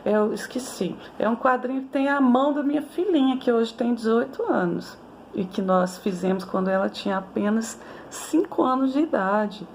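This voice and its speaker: Gravelly-voiced woman lecturing teachers. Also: a little high, moderate pace, darkish tone, a little hiss or hum. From Brazil. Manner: conversational, with frequent "né?" tags and restarts. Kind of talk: recorded lecture on early childhood education.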